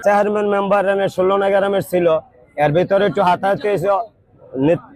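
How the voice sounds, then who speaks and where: A man from the village giving a street interview, explaining the incident loudly in halting bursts. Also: high-pitched, little pitch movement, no echo. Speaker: local villager.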